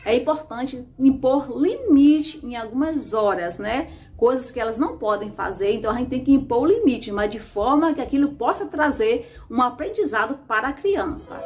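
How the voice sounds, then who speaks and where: A woman with a Brazilian Portuguese accent, a mother hosting a casual parenting advice vlog in a calm, gentle, advising way. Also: on the high side. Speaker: mother and channel host.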